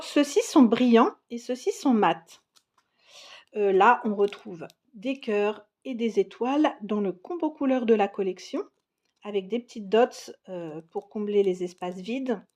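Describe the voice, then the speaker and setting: Unhurried woman, slightly high voice, chatty craft vlogger, lots of fillers. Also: darkish tone. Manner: chatty, frequent fillers and restarts, enthusiastic. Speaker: craft vlogger showing scrapbooking supplies. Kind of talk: casual product show-and-tell.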